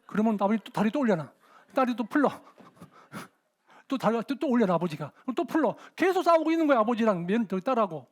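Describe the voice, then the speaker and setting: Middle-aged male pastor, high voice, animated sermon storytelling. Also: fast talker. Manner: animated storytelling, shouting out quoted dialogue. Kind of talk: sermon with dramatized anecdotes.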